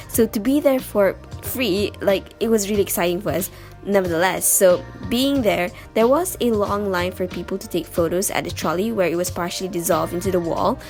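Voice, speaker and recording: A woman's voice: mid-range voice, a little mellow. A young woman, giving a chatty, playful voice-over narration for her travel vlog. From Malaysia. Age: 20s. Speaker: vlogger. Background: music.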